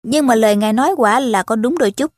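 A woman's voice: fairly high pitch, fast talker, no echo, studio quality, natural voice. A woman voicing a wheedling male slave trader. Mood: coaxing. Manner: persuasive, coaxing sales talk. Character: smooth-talking adult male slave trader.

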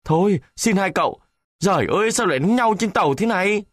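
A man's voice: high-pitched, lively intonation, fairly quick, fairly bright tone, no echo, clean studio sound, pitched above the performer's own voice. A man doing fussing, flustered train passengers. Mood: fretful. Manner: pleading, fussing.

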